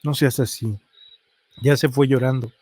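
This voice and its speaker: A man's voice: medium pitch, moderate pace, darkish tone, natural voice. A man reading the lines of a caring woman police officer who sees spirits, earnest and concerned.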